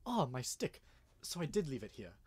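A young man playing an eccentric, absent-minded country doctor with a husky voice and a fussy, halting, eager manner in a radio play. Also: mid-range voice, wildly swooping pitch, noisy background. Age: young adult. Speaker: student actor. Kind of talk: 1930s-style radio drama acting.

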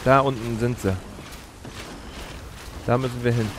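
Sitting at an indoor streaming setup, a thirty-something let's play host explains his gameplay in a casual, chatty way. He speaks at a measured pace in a medium-pitched, fairly even voice into a close mic by his gaming chair, with some background noise.

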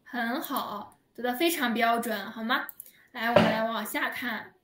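A woman teaching an online language lesson over a video call, speaking slowly and patiently, drawing out words for her learners. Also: on the high side, heavy background noise. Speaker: Chinese teacher. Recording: echoey room, heard from a distance.

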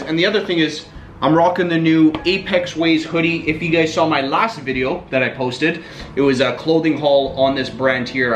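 A young man casually reviewing packaged meals to camera, chatty and always calling his viewers guys. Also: medium pitch. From Italian. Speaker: food vlogger. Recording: echoey room.

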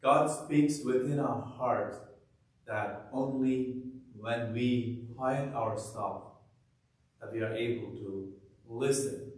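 Slow solemn male priest at mass, middle aged, huge cathedral echo, kinda far from the mic. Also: medium pitch. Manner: solemn, deliberate phrasing. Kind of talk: scripture reading and homily. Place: church sanctuary at the altar. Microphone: picked up from a distance. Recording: very echoey church, distant mic.

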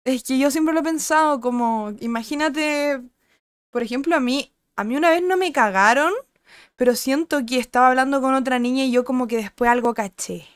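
Chilean girl streamer yapping with chat, kinda high smooth voice, bit husky today, dry close mic. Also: moderate pace, no echo. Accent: Chilean Spanish. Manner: chatty, crude slang, reads out and greets viewers. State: slightly husky voice from little streaming. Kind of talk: casual chat with live chat viewers.

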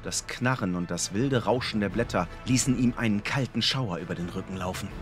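A man narrating a fantasy audiobook in a dramatic, expressive storytelling manner. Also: lowish voice, brisk, music in the background.

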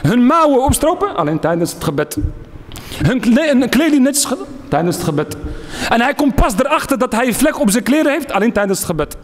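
A man delivers a religious lecture in a lecture hall, preaching emphatically, repeating key phrases and asking and answering his own questions. His voice is very high-pitched with big pitch swings and a fairly quick pace, followed by a long reverb tail.

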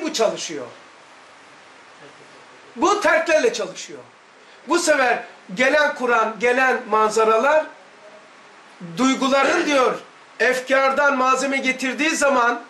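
A man's voice: extremely high pitch, pushed and bright, roomy sound, a little hiss or hum. A man with a Laz Turkish accent, giving an emphatic religious lesson full of repetition and rhetorical questions. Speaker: religious study teacher.

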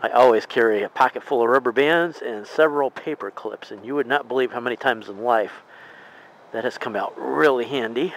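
A man's voice: mid-range voice, a little fast, a bit bright. Midwestern guy rambling on his bike cam, engine and road noise all through. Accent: Midwestern American. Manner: chatty, rambling asides. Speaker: motorcycle vlogger. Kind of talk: casual narration while riding. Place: outdoors on a motorcycle in city traffic.

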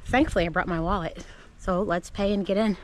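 A woman's voice: lowish voice, fairly even intonation, brisk, a little hiss or hum. Chatty woman vlogging outdoors. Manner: chatty, talks straight to her viewers. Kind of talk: casual vlog narration. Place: outdoor park trails by a spring. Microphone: handheld camera at arm's length.

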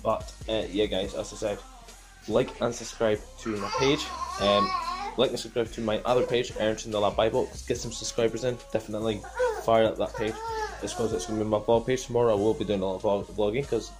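A man gives a casual, halting, repetitive vlog update into a phone at arm's length in a room at home. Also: lowish voice, fairly even intonation, music in the background. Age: 20s. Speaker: vlogger.

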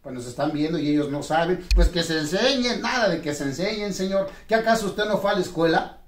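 A man's voice: on the high side, animated, fast, slight background noise. A man hosts a ventriloquist comedy sketch. He speaks politely and moralizes as he scolds his puppet. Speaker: host and ventriloquist. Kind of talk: family comedy sketch with a lesson. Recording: roomy echo, far from mic.

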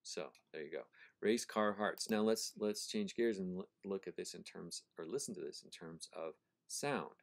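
A very low-voiced male professor walks through a passage of prose in a methodical lecture. He stops to repeat phrases slowly, savoring their sounds, and corrects himself as he thinks aloud. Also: vocal fry. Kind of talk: recorded lecture on prose style.

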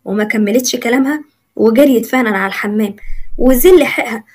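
A woman with an Egyptian accent narrates a serial story at a rapid clip. Her voice sits slightly high. She runs through events like running commentary. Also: a little mellow, breathy edge. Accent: Egyptian Arabic.

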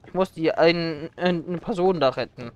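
Smooth, lightly high male vtuber streamer. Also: moderate pace, darkish tone. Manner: vtuber-style streaming chatter, thinking aloud. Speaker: livestreamer playing a zombie game. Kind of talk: casual German let's play commentary.

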